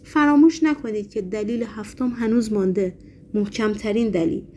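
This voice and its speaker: A woman's voice: medium pitch, dark tone, a little hiss or hum, lightly acted. A woman doing an eerie, volatile foreign professor. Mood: pleading. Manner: sly, swings between pleading and anger.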